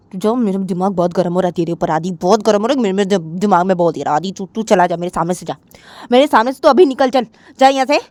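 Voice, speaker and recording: A woman's voice: high voice, warm tone, dry recording, pitched above the performer's own voice. A woman voicing Jiya, a hot-tempered young woman snapping and ordering people away.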